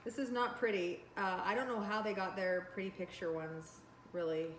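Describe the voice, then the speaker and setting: A woman's voice: medium pitch, fairly even intonation, moderate pace, reverberant, slight background noise. A woman co-hosting a cooking show, chatting casually and wryly as she tries a dish. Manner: wry, squeamish, thinks aloud.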